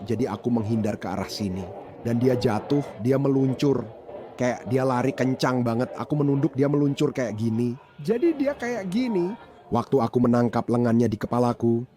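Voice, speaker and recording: A man dubbing a bystander who excitedly recounts a fight to police in casual slang. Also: medium pitch, lightly acted. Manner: agitated, animated retelling with slang. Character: agitated man recounting a brawl. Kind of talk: dubbed bodycam account.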